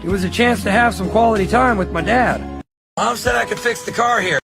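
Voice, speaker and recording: A man's voice: high-pitched, a little fast, vocal fry, music in the background. An actor giving a reflective voice-over narration in a film, looking back on his life. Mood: wistful. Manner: reflective, wistful.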